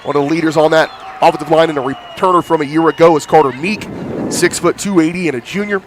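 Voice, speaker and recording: A man doing live high school football commentary with a thick smoker's rasp, congested from hay fever. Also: fairly even intonation, quick pace, slight background noise. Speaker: play-by-play announcer. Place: outdoor football stadium broadcast.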